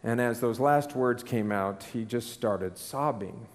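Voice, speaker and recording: A man giving a sermon, telling a story in an earnest, unhurried way. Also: mid-range voice, in a large hall. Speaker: preacher.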